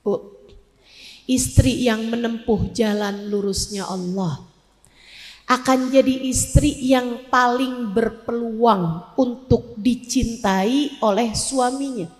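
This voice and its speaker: A woman's voice: a little high, steady tone, slow pace, a little mellow, echoey room, in a large hall, soft background music. An Indonesian woman in her forties preaching a sermon to a women's gathering, emphatic, repeating her lines and asking the crowd to agree. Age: 40s.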